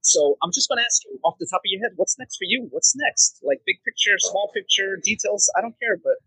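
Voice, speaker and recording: A man co-hosting a casual podcast, animated and joking, laughing often as he talks. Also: sits high, brisk, slightly rough, dry recording, rough recording. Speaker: podcast co-host.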